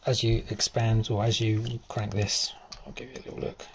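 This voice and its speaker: A middle-aged man talking casually while he rebuilds a car engine outdoors, thinking aloud with pauses and fillers. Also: lowish voice, level tone, vocal fry, background noise. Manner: thinking aloud, stop-start explaining with fillers. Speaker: DIY car mechanic. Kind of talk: casual workshop explanation. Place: outdoor driveway.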